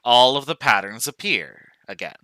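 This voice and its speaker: A man's voice: medium pitch, lively intonation, normal speed, sharp tone, no room sound. A man teaching an online chemistry class in a casual, joking way, thinking aloud with fillers as he goes. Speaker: chemistry professor. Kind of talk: online lecture.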